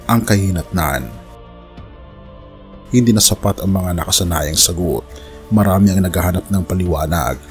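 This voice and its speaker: A man's voice: deep voice, a little mellow. A man giving scripted narration of news with preaching, earnestly addressing the listener as a friend. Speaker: religious news commentary narrator.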